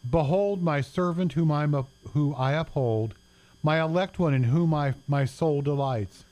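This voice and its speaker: Man reading scripture slowly. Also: on the high side, a little mellow. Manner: slow, deliberate reading.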